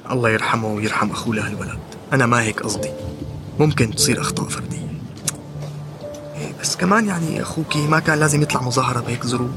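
A man's voice: medium pitch, racing, long pauses, over music, lightly acted. A man playing a defensive Syrian passenger who argues for the checkpoint, with a Syrian Arabic accent. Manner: defensive, argumentative.

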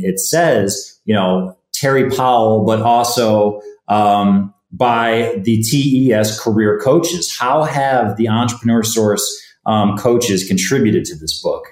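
A man hosting a podcast, asking his guest questions in a conversational way. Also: lowish voice. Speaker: podcast host. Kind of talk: casual podcast interview.

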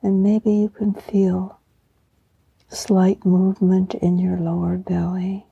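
A woman podcast host leading a guided meditation in a serene, soothing, soft and breathy voice that often nears a whisper. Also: lowish voice, completely flat delivery, no echo, highs cut off. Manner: serene, soothing, slow and unhurried. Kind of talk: guided meditation with poetry reflection.

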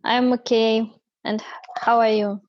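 A woman from Siberia with a Russian accent, chatting as an English student on a podcast in halting non-native English. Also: on the high side, flat delivery, dull audio, faint music behind. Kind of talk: casual podcast conversation.

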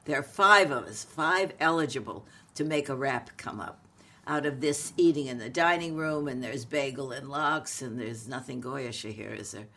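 A woman, talking casually in a halting, wry and playful way as she tells stories. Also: extremely low pitch, a bit bright. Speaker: comedic actress, podcast co-host. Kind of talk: casual conversational storytelling.

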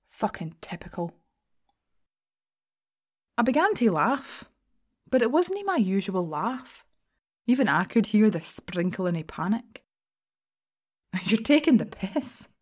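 A woman's voice: mid-range voice, a little mellow. A woman with a broad Scottish accent performing a first-person audio drama monologue as a sardonic, sweary, anxious shop assistant, confiding her story wryly. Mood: exasperated, panicky.

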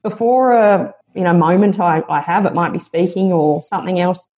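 A woman's voice: fairly low pitch, normal speed, a little mellow. A woman guest on a podcast interview, speaking in an earnest, motivational and reflective way.

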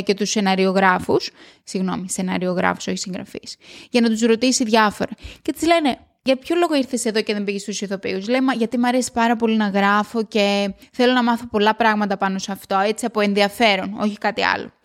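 A woman hosting a motivational podcast at home, talking loudly and emphatically with excitement. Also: medium pitch. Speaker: podcast host. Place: at home alone.

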